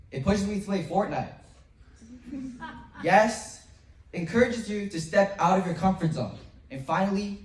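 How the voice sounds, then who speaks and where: The student speaker, a middle-school boy in seventh grade, sounds a little mellow and slightly high as he works through his memorized speech earnestly, pausing often and restarting now and then. The roomy recording places him well away from the mic, with a large hall's echo.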